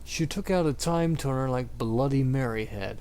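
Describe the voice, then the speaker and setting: A man with a mid-range, darkish voice reads fan fiction aloud at a moderate pace as an amateur, going for mock drama. His delivery is theatrical and exaggerated, and he often breaks into giggles.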